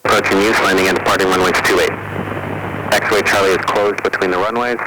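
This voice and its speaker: A man reading out a recorded airport weather broadcast over the aircraft radio in a flat, steady manner. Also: sits low, fairly quick. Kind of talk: automated airport information readout. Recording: noisy radio broadcast heard through the cockpit.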